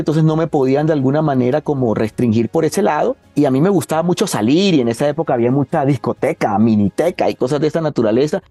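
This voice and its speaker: Middle-aged man, mellow Caribbean Colombian accent. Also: medium pitch, no room sound. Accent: Caribbean Colombian Spanish. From Barranquilla, Caribbean coast of Colombia. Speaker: interviewee. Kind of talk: reflective interview talk.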